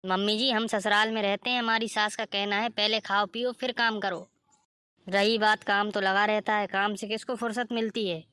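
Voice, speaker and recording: A woman's voice: medium pitch, fairly even intonation, normal speed, bright, forceful tone, clean tone, no room sound, studio quality, natural voice. A woman voicing a polite, apologetic young daughter-in-law in a cartoon story.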